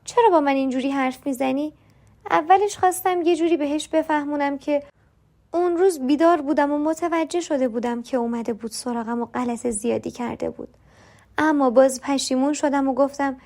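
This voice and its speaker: Brief: woman, high voice, confiding first-person storyteller. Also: a little mellow. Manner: confiding, voices other characters in dialogue. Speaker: narrator.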